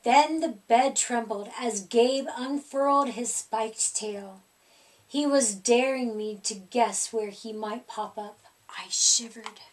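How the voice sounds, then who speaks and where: A woman narrates a children's storybook in a high voice. She reads slowly and expressively, recorded slightly away from the microphone. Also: distant mic, low-quality recording. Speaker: storybook reader.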